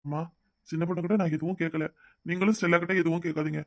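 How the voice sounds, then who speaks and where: Actor voicing a harried cartoon husband, hurried, pleading, extremely fast, dry studio sound. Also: male voice, a little high, little pitch movement, dry recording, lightly acted. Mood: earnest. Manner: hurried, pleading, scolding in turns. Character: harried husband, eager to please. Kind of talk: cartoon voice acting.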